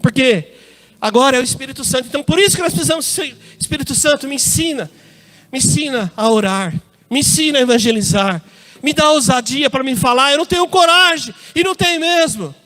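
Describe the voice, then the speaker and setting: A Brazilian man preaching to his congregation, his voice sitting unusually high. He speaks in a church, often turning to the listeners as brothers and weaving personal stories into the sermon. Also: lively intonation, fast, bright, forceful tone. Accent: Brazilian Portuguese. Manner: addresses congregation as brothers, tells personal anecdotes.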